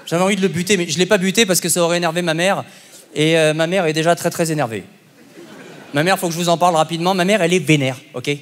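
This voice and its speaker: A man's voice: fairly high pitch, steady tone, fast talker, a bit bright, a little hiss or hum. A young man doing stand-up comedy on a festival stage, punchy and conversational, with live audience laughter. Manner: punchy, conversational, often checks in with "ok?". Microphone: stage microphone. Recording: long hall reverb, live audience. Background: audience laughter and applause.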